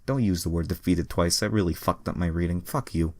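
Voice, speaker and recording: A man with a low, darkish voice reads crude fan fiction aloud at a brisk pace, hamming up the drama. As reader and commentator, he keeps dropping into casual, profane, exasperated asides.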